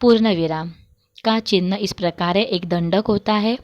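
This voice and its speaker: A woman teacher giving a grammar lesson to school students, explaining slowly and repeating examples. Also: medium pitch, lo-fi sound.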